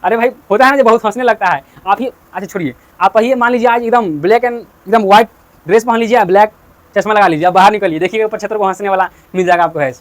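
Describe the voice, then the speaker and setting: Male teacher, very high voice, keeps asking questions and repeating. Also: fast talker. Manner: asks and answers his own questions, repeats points. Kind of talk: explaining a story to students.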